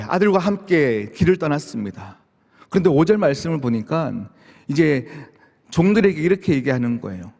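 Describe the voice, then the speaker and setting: A man's voice: on the high side, a little mellow. A man preaching as pastor at a dawn prayer service, acting out heartfelt questions to God in the first person. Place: church sanctuary. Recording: long hall reverb from the sanctuary.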